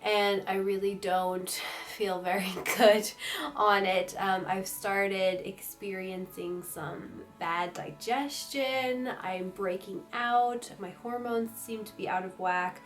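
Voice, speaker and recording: A woman's voice: mid-range voice, fairly even intonation, slow pace, faint music behind. A young woman vlogging casually about her food, chatty and rambling, with the hiccups.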